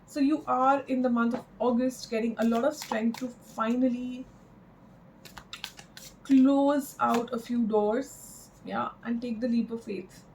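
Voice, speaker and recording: A woman delivers a mystical tarot horoscope reading off the cuff. Her voice sits fairly high with plenty of creak. She speaks haltingly and reflectively, repeating phrases for weight, over faint background noise. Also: flat delivery, darkish tone, low-quality recording. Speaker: tarot card reader.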